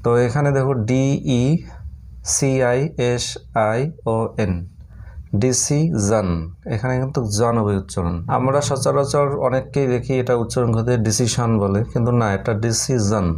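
A man teaches in a patient, plain classroom manner. He spells words out letter by letter and keeps pausing to check that his students understand. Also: medium pitch, a little mellow. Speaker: English teacher. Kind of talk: spoken lesson to students.

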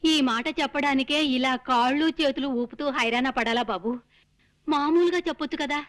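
An actress plays an elderly mother-in-law in a film comedy who can barely hear and frets over everything. Her voice sits high and she keeps up a complaining, pleading tone. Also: fairly quick, natural voice. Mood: grateful. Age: older. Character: elderly hard-of-hearing mother-in-law, fretful.

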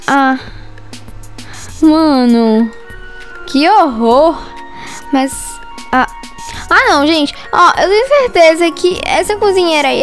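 A young Brazilian woman with a Brazilian Portuguese accent giving excitable gameplay commentary, squealing and giggling when scared. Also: high-pitched. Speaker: gaming channel host.

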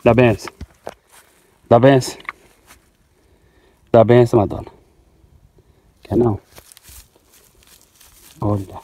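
A man's voice: mid-range voice, fairly even intonation, takes it slowly, long pauses, warm tone, slightly rough. A man from Goiás with a Goiás Portuguese accent, vlogging casually on his farm and talking affectionately to his cows. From Goiás, Brazil. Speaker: farmer vlogger. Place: outdoors on a cattle farm.

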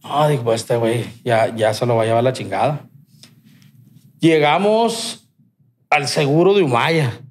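A man's voice: medium pitch, measured pace, pauses often. A man with a Sinaloan accent, a podcast guest telling a long personal story in rambling, slang-heavy, swearing speech. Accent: Sinaloan Mexican Spanish. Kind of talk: casual storytelling.

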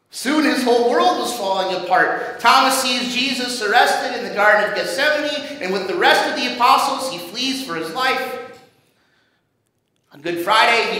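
Male pastor, sermon, storytelling, high pitched bright voice, very echoey church hall. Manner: storytelling, measured and dramatic. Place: church sanctuary.

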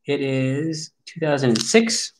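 A man's voice: fairly high pitch, expressive, takes it slowly, slight background noise. A man in his forties hosting a card break, opening packs and chatting wryly as he grumbles jokingly about what he pulls. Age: 40s. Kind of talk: casual card-opening commentary.

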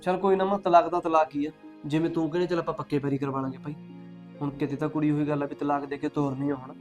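A man's voice: fairly high pitch, flat delivery, a little mellow, highs cut off, natural voice. A young man playing a bossy elder brother who argues insistently and flares with anger, with faint music behind. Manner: insistent, argumentative, quick to anger. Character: bossy, hot-tempered village elder brother.

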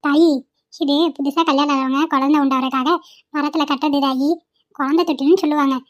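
A woman's voice: sits high, little pitch movement, fairly quick, lightly acted. A woman voicing a kindly old grandmother who sells flowers in a cartoon, with a coaxing, folksy way of talking. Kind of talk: cartoon voice acting.

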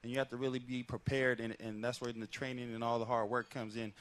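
A boxer in his thirties, appearing as a guest, talks fast in a mid-range voice on a headset mic at an outdoor set. He's relaxed and rambling in this casual interview, with lots of fillers.

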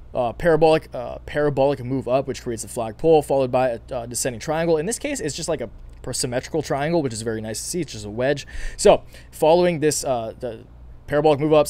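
A young man with a raspy, worn-out voice talks quickly through his stock trades. He rambles and circles back, piling on fillers as he explains his picks in a casual market vlog. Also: mid-range voice, a little mellow. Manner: rambling, repeats himself, many fillers. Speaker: stock market video host.

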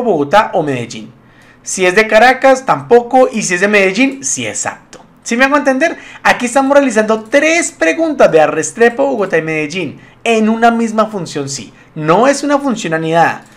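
A man's voice: sits high, fairly bright tone. A man giving a casual spreadsheet lesson, chatty and laughing easily as he talks to his viewers. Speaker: Excel tutorial instructor.

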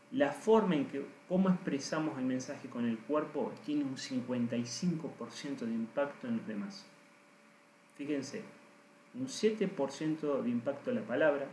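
A man, a coach giving a deliberate, emphatic lesson and speaking straight to his listeners. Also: medium pitch, darkish tone, a little hiss or hum. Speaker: coach teaching trainers. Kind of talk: recorded lesson. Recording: roomy echo.

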